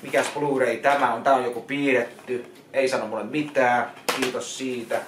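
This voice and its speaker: A man's voice: medium pitch, level tone. A man talking casually in a vlog as he goes through donated films, repeating words, restarting and giving plain verdicts. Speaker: vlogger unboxing donated films. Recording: echoey room with loud noise.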